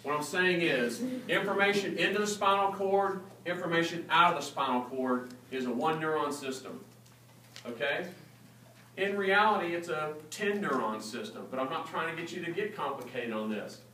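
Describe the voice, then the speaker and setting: A man teaches a class in a relaxed, joking manner and keeps checking that students follow. His voice sits a little high. He is recorded from a distance in a reverberant lecture hall with a faint background hiss. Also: moderate pace. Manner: casual and joking, keeps checking understanding with "okay?". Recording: echoey room recorded from afar.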